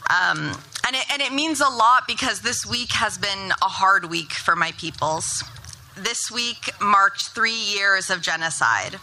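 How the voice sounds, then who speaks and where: Bright-voiced woman giving an impassioned speech. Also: mid-range voice, unhurried, a little hiss or hum, rough recording. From Palestine. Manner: earnest, impassioned. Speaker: community organizer. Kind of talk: rally speech. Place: outdoor sunrise ceremony.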